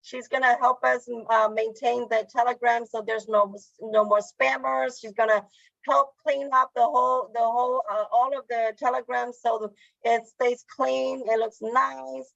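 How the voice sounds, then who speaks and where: Halting woman hosting a video call. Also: on the high side, steady tone, vocal fry, a bit bright, no room sound. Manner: halting, with frequent fillers. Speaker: meeting host. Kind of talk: casual online meeting talk. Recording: dull lo-fi call audio.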